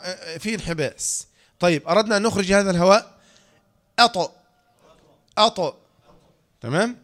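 A man with an Egyptian accent teaching Quranic letter pronunciation to trainee teachers, demonstrating sounds and asking his students questions. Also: high-pitched. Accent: Egyptian Arabic. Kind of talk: lecture on tajweed pronunciation.

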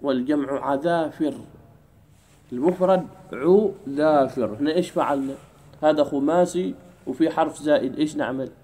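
A man teaching an Arabic grammar lesson in a classroom, drawing out key words slowly and keeping the class engaged with questions. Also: fairly high pitch, steady tone, mellow. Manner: drawls key words slowly, keeps asking "what?".

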